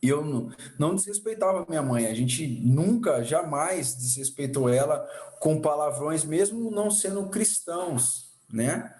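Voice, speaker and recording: A man's voice: fairly high pitch, animated, measured pace, a little mellow, echoey room. A man teaching a church family discipleship class, sharing personal testimony in a conversational, reflective way with frequent tag questions.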